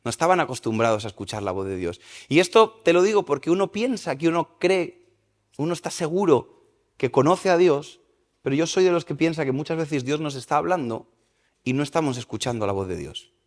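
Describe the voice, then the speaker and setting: Spanish guy preaching to his church, kinda high voice, long echo off the hall. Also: fairly quick. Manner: lively, asks the congregation questions. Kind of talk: sermon. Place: church service in a large hall.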